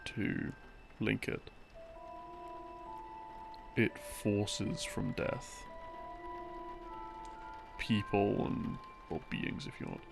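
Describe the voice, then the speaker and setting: Soft music plays under a man whose voice is on the low side as he voices a boyfriend in an audio roleplay, explaining game lore as a rambling bedtime story. His breathy delivery keeps dropping to a murmur, halting in short phrases with long pauses.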